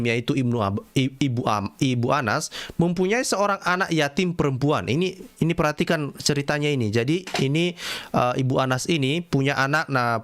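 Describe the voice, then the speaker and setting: A man's voice: on the high side, fairly bright tone. A man giving casual, mocking commentary while reading texts aloud, full of fillers, repeated words and slangy asides to viewers. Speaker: online religious critic presenting texts.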